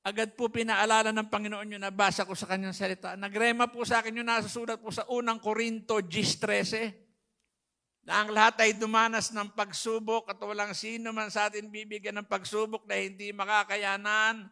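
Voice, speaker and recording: Male pastor, emotional testimony sermon, high and bright, little pitch movement. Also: flat delivery, moderate pace. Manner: emotional, quotes scripture, addresses listeners as brothers and sisters. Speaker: pastor giving his testimony.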